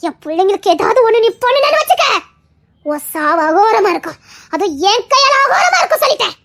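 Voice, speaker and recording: A woman's voice: extremely high pitch, sing-song, fairly quick, exaggerated voice. A woman voicing a fierce, protective middle-aged village mother in an audio drama, who scolds, curses and sobs. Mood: threatening. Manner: scolding, shouting, cursing, sobbing. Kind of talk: Tamil audio drama acting.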